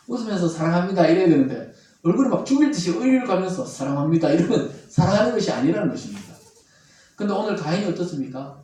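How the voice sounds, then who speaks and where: A man preaches a sermon in a church sanctuary, his voice high and swinging widely up and down. The sound is heavily echoey and picked up from well away from the mic. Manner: animated preaching, acting out angry quoted voices. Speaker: pastor. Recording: very echoey hall, from far off.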